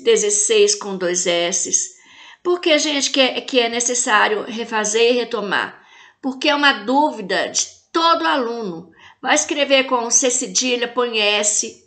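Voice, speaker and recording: A woman's voice: on the high side, sharp tone. A woman from Brazil with a Brazilian accent, teaching a recorded class lesson, stressing syllables and asking pupils rhetorical questions. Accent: Brazilian Portuguese. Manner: slow, spells out and stresses syllables.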